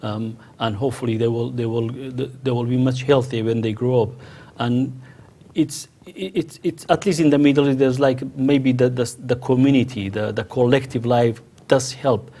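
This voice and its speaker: A middle-aged man from Iraq's Kurdish region speaks hesitantly as a guest on a panel discussion, restarting often and leaning on fillers. His mid-range voice is steady and dark in tone, delivered at a moderate pace.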